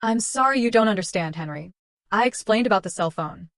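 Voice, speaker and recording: A woman's voice: mid-range voice, expressive, a little fast, a bit bright, no echo, studio quality. A woman voicing a defensive young wife who insists and pleads, justifying herself. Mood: insistent.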